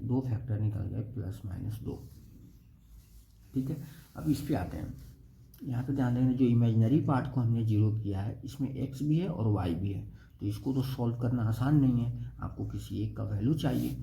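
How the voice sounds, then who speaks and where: Explaining math one step at a time, a young adult man keeps checking in with "okay?" His voice is medium-pitched, gravelly and dark, delivered at a moderate pace. The room is echoey, with faint noise in the background.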